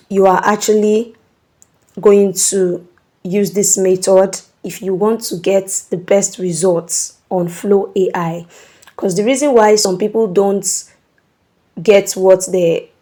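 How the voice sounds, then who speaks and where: In a screen-recording tutorial, a woman with a dark-toned, mid-range voice walks through steps patiently. Instructive throughout, she keeps checking in by asking "okay?".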